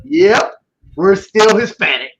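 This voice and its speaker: On poor audio, a Houston man with a Texas accent and Spanish as his first language talks casually about his background as an interview guest; he owns a business. He speaks in a high, expressive voice and takes it slowly.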